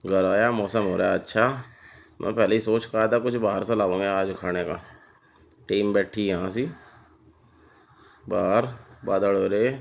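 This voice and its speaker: A man's voice: lowish voice, fairly even intonation, unhurried, creaky, pauses often. A man, a father chatting casually through a vlog and laughing often. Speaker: vlogger, father.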